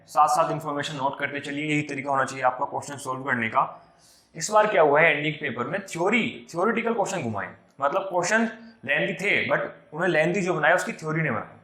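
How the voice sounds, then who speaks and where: A man teaching vector algebra step by step for an entrance exam, slowing down as he reads out each term. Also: fairly high pitch, a bit bright, reverberant. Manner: slows down when reading out terms, mixes English math words. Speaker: math teacher.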